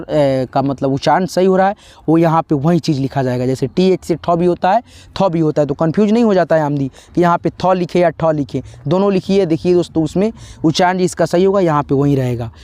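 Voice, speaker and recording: A man's voice: fairly high pitch, a little mellow, no echo. A man teaching a beginners' spelling lesson, patiently spelling out each word letter by letter and repeating them. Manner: patient, repeats letters, addresses viewers as friends.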